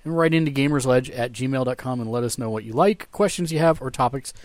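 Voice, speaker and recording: A man hosting a casual gaming podcast over a video call, relaxed and chatty and quick to laugh. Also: medium pitch, no echo. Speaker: podcast host. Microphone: video call mic.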